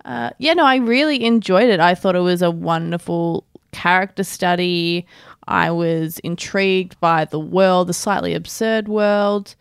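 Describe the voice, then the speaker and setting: A woman's voice: on the low side, unhurried, gravelly, smooth, dry recording. A woman co-hosting a podcast, chatting casually with dry, teasing humor. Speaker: podcast co-host. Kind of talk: casual chat.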